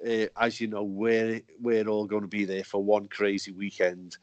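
A man's voice: fairly low pitch, little pitch movement, moderate pace, lo-fi sound. A man hosting a podcast, chatty and joking, laughing often as he talks. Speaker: podcast host. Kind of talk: casual chat.

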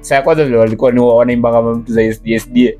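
Brief: young Kenyan male panelist, emphatic casual storyteller, code-switching, medium pitch, guitar music underneath. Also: level tone, rapid-fire, mellow. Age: young adult. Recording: background guitar music behind talk.

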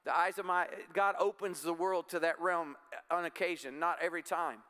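A middle-aged male pastor delivering an emphatic, exhorting sermon. His voice sits high for a man, bright and crisp, and it rings with the long reverb of a church hall. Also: fairly even intonation, normal speed. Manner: emphatic, exhorting with repeated calls.

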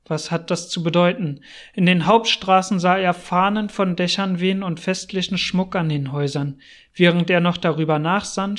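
A man narrating a story aloud in a measured storytelling manner. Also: high voice. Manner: measured storytelling reading with voiced dialogue. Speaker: audiobook narrator. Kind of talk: scripted narration.

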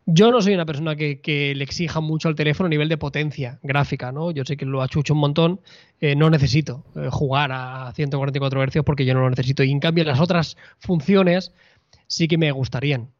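A man's voice: on the high side, fairly even intonation, quick pace, dry recording. A man with an accent from Spain giving opinions in a casual, colloquial tech discussion on a podcast, over a slightly muffled remote feed. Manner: colloquial, opinionated, uses tag questions. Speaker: podcast panelist.

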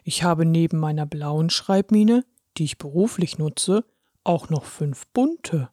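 This storybook character is a kindly pen conductor with a moustache, voiced by a woman narrator in a deep, gruff but encouraging put-on voice. Low and steady, reassuring yet a bit stern, he takes it slowly, and the close, dry recording has no room sound.

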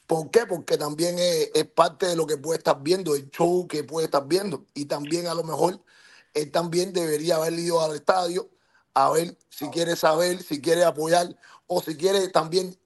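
A man with a Cuban accent talks in a high, ringing voice on a podcast. He is passionate and emphatic and leans hard into every point. He cuts in to keep the floor and keeps asking whether his listener understands. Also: steady tone, moderate pace. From Cuba. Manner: insistent, interrupts to hold the floor. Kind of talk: heated podcast talk.

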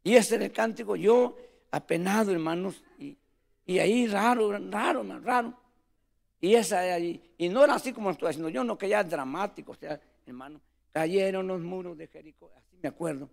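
Earnest high-voiced preacher, gravelly edge. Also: male voice, fairly quick, darkish tone. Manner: earnest, calls listener "hermano" constantly. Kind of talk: storytelling testimony.

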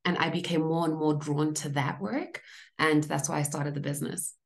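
This deep, creaky voice belongs to a woman from Zimbabwe who works as an executive coach. As a podcast guest, she walks through her career in a steady tone at normal speed, speaking articulately and organizing her points into lists.

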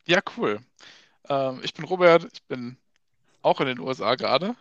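A young man hosting a casual podcast chat, asking relaxed questions with many fillers. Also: medium pitch, moderate pace, no room sound, dull audio. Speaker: podcast host.

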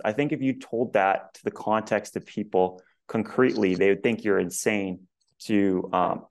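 A man co-hosting an interview, his voice going hoarse, laying out a long question with many fillers. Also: lowish voice, a little mellow. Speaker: podcast co-host. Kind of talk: conversational interview.

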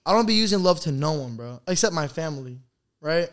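A young man with a notably high-pitched voice talks like a frat bro. His delivery is slangy and boastful, in the loose back-and-forth of a casual podcast. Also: expressive, moderate pace. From Brazil. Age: young adult.

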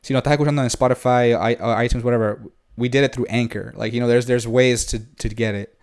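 A man's voice: mid-range voice, fairly even intonation, a little fast, a little mellow, smooth. A man with a Puerto Rican Spanish accent, co-hosting a casual podcast chat in a laid-back, slangy way and dropping in English phrases. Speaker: podcast co-host.

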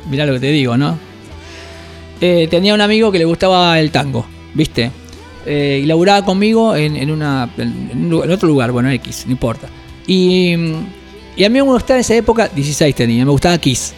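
A man in his fifties with an Argentine accent, a record shop owner telling animated, slangy anecdotes in an interview. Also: a little high, fairly quick, soft background music. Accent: Rioplatense Spanish. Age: 50s. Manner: animated anecdotes, slangy, acts out quoted voices. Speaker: guest, record shop owner and metal musician. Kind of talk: casual storytelling interview.

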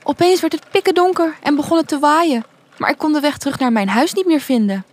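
A woman voicing a polite young girl who is lost in a fairy tale, speaking gently and sweetly. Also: high voice, a little fast, voice pushed up, lightly acted.

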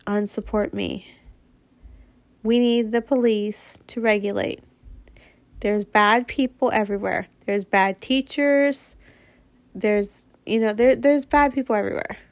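A podcast host with a head cold, sounding nasal and sniffling, delivers a frank, blunt casual monologue and swears freely. Her voice is a little high with a darkish tone, and the recording is dry.

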